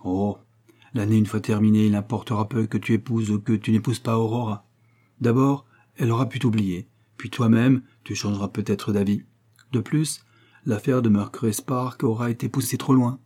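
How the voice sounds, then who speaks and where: A man's voice: fairly low pitch, steady tone, normal speed, mellow, close to an everyday voice. A man reading the part of a domineering old inventor who scolds his son in an audiobook. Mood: persuasive. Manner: commanding, heated. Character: domineering old male inventor, quick-tempered father.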